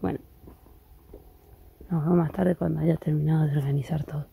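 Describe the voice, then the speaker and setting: A young woman vlogs casually from her rural house, her voice low and weak from illness, often half-whispering and cooing at dogs. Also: fairly even intonation, fairly quick, creaky, warm tone, a little hiss or hum. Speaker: vlogger. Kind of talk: casual vlog narration. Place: rural house, partly outdoors.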